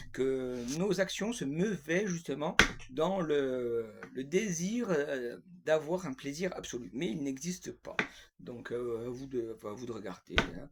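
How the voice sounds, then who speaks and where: A man's voice: on the high side, very noisy. A man delivering a rambling, grumpy and sarcastic comic monologue, repeating himself often.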